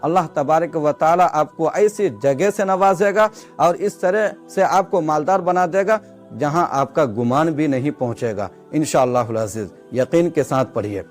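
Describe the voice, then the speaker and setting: A man's voice: on the high side, animated, normal speed. A man with a way of speaking, earnestly explaining a devotional practice to his viewers step by step and repeating himself. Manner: earnest, repetitive, addresses viewers as friends. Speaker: religious instructor. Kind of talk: devotional instruction to camera. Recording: soft music behind.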